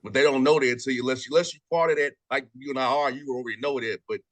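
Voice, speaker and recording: A man's voice: mid-range voice, steady tone, rapid-fire, no room sound. A man hosting a show, interviewing casually and saying "man" and "bro" a lot. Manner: casual, friendly, says "man" and "bro" often. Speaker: show host. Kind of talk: radio interview.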